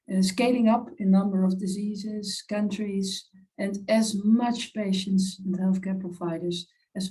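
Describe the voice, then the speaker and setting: A woman's voice: mid-range voice, dark tone, rough recording. A woman surgeon speaking as a panelist, explaining a research project with slightly non-native phrasing. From Netherlands. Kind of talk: presenting at a panel webinar.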